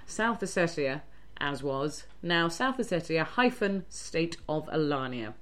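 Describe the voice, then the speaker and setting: A woman with a somewhat low voice co-hosts a casual podcast. She teases playfully and giggles a lot. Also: very animated, unhurried, fairly bright tone. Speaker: podcast co-host. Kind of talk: casual chat.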